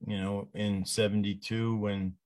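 Low-voiced man in his sixties, halting. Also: little pitch movement, darkish tone. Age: 60s. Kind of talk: casual conversation, reminiscing.

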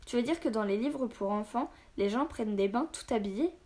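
A woman's voice: fairly high pitch, expressive, a little fast, darkish tone, close to an everyday voice. Woman voicing an old man, head cold, puzzled, questioning, children's audiobook. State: stuffy with a cold.

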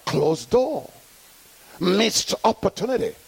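Preaching slowly in a high-pitched, animated voice that is creaky and husky, a middle-aged pastor addresses his congregation. He uses call-and-response, urging the church to reply, and climbs toward forceful high points.

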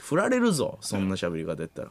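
A man with a Kansai accent and a sore, hoarse throat, co-hosting late-night comedy radio with animated, exclaiming quips. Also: low-pitched, fast, noisy background.

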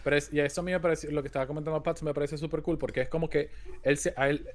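A man's voice: a little high, steady tone, racing. A man co-hosting a casual chat about a TV series, talking in a rambling way with frequent restarts. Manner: rambling, with many restarts and fillers. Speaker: co-host.

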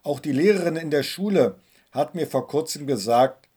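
A husky-voiced man playing a small, hot-tempered boy who whines and complains as he tells a story in a sermon. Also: a little high, lively intonation, moderate pace, mellow. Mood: anxious questions. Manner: complaining, pleading.

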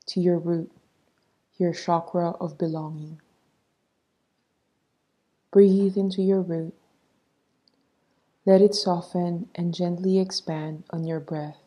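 A woman guides a meditation in a soft, breathy voice on the low side, giving instructions in a soothing, measured way.

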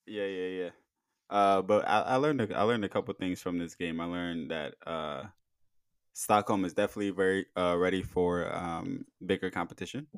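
Thirties man, low voice, dry close sound, laid-back slangy co-host. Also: fairly even intonation, clear, resonant tone, no echo. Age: 30s. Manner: laid-back slang, drawn-out, trailing delivery. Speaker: podcast co-host. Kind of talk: casual sports podcast chat.

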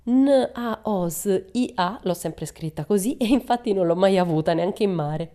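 A woman's voice: on the low side, animated, a little fast, mellow, pitched above the performer's own voice, close to an everyday voice. A woman voicing a cheeky, boastful little girl in a storybook reading, bold and chirpy. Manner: bold, chirpy, matter-of-fact.

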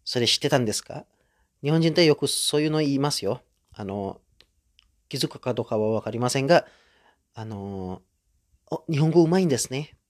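A man who moved to Japan as a foreigner, hosting a casual solo monologue. He hesitates a lot, fills pauses with fillers, corrects himself often and laughs at himself. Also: medium pitch. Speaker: host of a talk series about Japanese.

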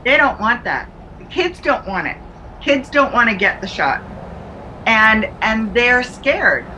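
A woman's voice: a little high, very animated, takes it slowly, bright, forceful tone, a little hiss or hum, low-quality recording. A woman calling in to a show to give an update, talking earnestly and repeating her points. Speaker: regular guest giving an update. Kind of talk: casual call-in chat.

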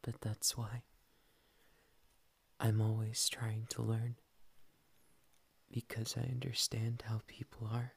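A man's voice: lowish voice, monotone, takes it slowly, gravelly, pauses often, slightly rough, exaggerated voice. A man voicing a shy, playful young male cat boy in a whispered ASMR roleplay, tender and teasing, slipping "nya" into his talk. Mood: earnest. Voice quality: soft whispery delivery.

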